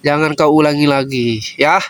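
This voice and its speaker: Vlogger man from Lampung: high-pitched, dry, stern interrogator who demands answers. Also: steady tone, normal speed, a bit bright, smooth, no echo. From Lampung, Indonesia. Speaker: vlogger confronting a stranger. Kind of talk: scolding interrogation on camera.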